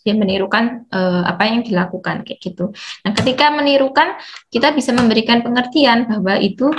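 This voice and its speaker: A woman's voice: on the high side, fairly quick, background noise. Woman explaining patiently to parents. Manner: explains patiently, many fillers, reads questions aloud. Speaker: educator for parents of children with hearing technology. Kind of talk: online parent seminar with Q&A.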